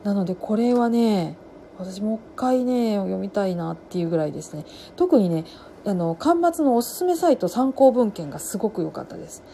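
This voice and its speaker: A middle-aged woman chats on her own about books she has read. She talks loosely, with lots of fillers and sudden swings in loudness. Her voice is mellow and warm, with a faint hiss behind it. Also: mid-range voice, normal speed, gravelly. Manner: chatty, many fillers, lively swings in loudness. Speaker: podcast host reviewing books. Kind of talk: casual solo talk.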